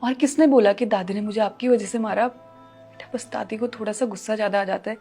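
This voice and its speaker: A woman playing a meek daughter-in-law and loving mother who pleads softly and soothes her child, in a family short film. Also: mid-range voice, fairly even intonation, quick pace, soft background music, close to an everyday voice. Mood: soothing.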